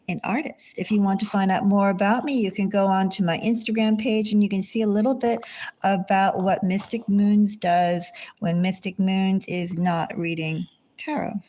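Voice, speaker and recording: A tarot reader with a mid-range, somewhat dark-toned voice talks through a casual reading on a phone mic. She rambles and thinks aloud, quizzing herself with little questions along the way.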